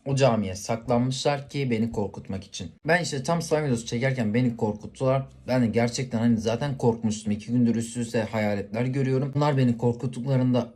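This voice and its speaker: A man's voice: medium pitch, quick pace, hardly any pauses, darkish tone. A man vlogging, telling a story casually to the camera and talking straight to his viewers. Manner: chatty, addresses viewers directly.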